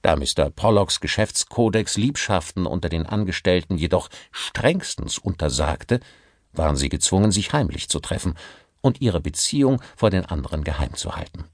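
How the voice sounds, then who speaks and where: A man narrating an audiobook in an expressive storytelling manner. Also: low voice, moderate pace, no room sound, clean studio sound. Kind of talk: scripted narration.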